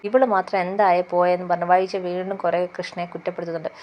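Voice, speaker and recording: Woman recapper, low and level voice, rattles through the plot in a casual, rambling way. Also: little pitch movement, fast talker, muffled recording, a little hiss or hum. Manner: rambling, with many fillers and repeated "she says" tags. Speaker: serial episode recapper. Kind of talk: casual spoken retelling of a TV serial episode.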